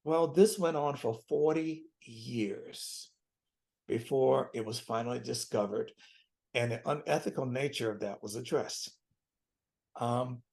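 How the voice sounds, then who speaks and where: A man in his seventies speaks as a physician guest, earnest and emphatic, often repeating key phrases. His voice has a gravelly, creaky texture at a middling pitch. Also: darkish tone. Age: 70s. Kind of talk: interview conversation.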